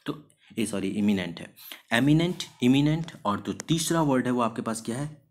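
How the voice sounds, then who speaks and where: A man teaching English vocabulary in Hindi, mixing in English words. He keeps asking rhetorical questions and answering them himself, and slows down to spell out and stress example sentences. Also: fairly low pitch, animated. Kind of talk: classroom-style vocabulary lesson.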